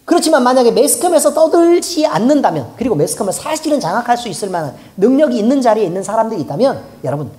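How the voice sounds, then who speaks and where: Woman pastor, conversational sermon, expressive rising and falling pitch, prods the congregation with rhetorical questions. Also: racing, hardly any pauses. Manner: colloquial, keeps asking the congregation rhetorical questions. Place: church.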